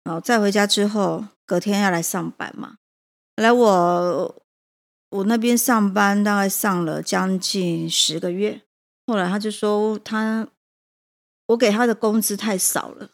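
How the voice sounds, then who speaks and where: A woman's voice: medium pitch, steady tone, unhurried, vocal fry. A woman, a prison teacher and café owner, telling a personal story with emotion and hesitant restarts.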